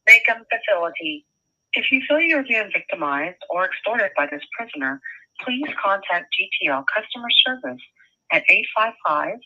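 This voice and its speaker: A woman's recorded voice reads a formal automated message at the start of a prison phone call. Her delivery is bright and lively in pitch, and it comes through a dull, lo-fi phone line. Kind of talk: scripted automated announcement.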